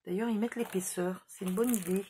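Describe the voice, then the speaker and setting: A woman's voice: medium pitch, fairly even intonation, fairly quick, warm tone, slight background noise. A middle-aged woman chatting casually through a scrapbooking haul, rambling and mocking herself as she loses track. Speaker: scrapbooking YouTuber. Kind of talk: casual haul video chat.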